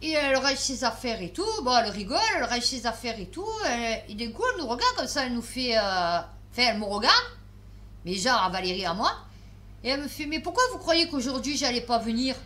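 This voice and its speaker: Woman vlogger, tired, chatty storyteller, slightly high, bright and forward tone. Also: sing-song, a little fast. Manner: chatty, swears, many fillers and restarts. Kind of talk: casual storytelling to camera.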